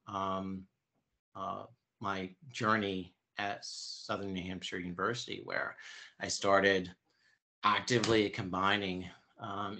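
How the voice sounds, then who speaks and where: Very deep-voiced man in his fifties. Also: sharp tone. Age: 50s. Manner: explanatory, halting. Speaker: interview guest. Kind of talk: conversational interview answers.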